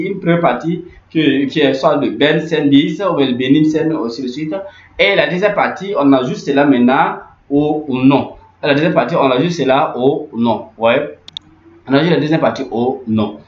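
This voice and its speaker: A man's voice: fairly high pitch, moderate pace. A man explaining a language lesson over on-screen notes, repeating phrases with many fillers and muttered asides. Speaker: language teacher. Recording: echoey room, dull lo-fi sound.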